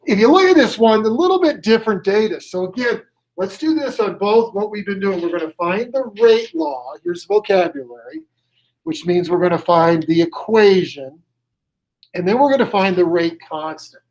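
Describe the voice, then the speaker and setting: A man teaching a high school chemistry class, casual and chatty, often correcting himself as he works a problem. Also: expressive, moderate pace, creaky, a little mellow, low-quality recording. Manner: chatty, joke-telling, self-correcting. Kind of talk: classroom lecture.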